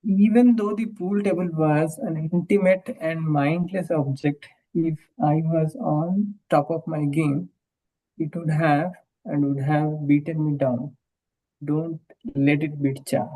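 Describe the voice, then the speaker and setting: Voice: medium pitch, steady tone, measured pace, mellow, far from the mic, low-quality recording. A speaker from India, reading a book aloud and discussing it, often stopping to reread and repeat phrases. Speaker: book reader.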